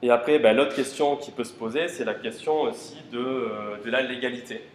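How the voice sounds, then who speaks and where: At a moderate pace and with fairly even intonation, a man with a mid-range voice gives a casual conference talk on tech. He keeps asking the audience rhetorical questions and uses informal fillers. The conference room recording has a roomy hall sound with faint ambience.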